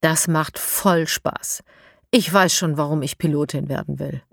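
A woman's voice: sits low, measured pace, gravelly, no room sound, studio quality, heavily acted. A woman voicing a curious, handy young girl in a children's audiobook. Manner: lively, curious.

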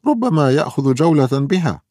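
A man voicing a cheerful young girl who speaks in a bright, excited manner. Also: on the high side, brisk, dry recording, clean studio sound, pitched above the performer's own voice.

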